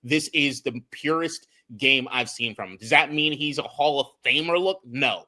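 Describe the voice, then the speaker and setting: A young man co-hosting a casual sports podcast, with a bright, forceful voice. He talks in an animated way, swears freely, and stumbles over restarted words as he breaks down game film. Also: medium pitch, normal speed. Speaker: podcast co-host and film analyst.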